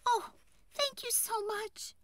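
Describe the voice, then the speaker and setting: A tiny pleading tree fairy. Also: female voice, slow, fairly bright tone, no echo, exaggerated voice. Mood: grateful. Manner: high pleading voice. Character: timid gentle female tree fairy.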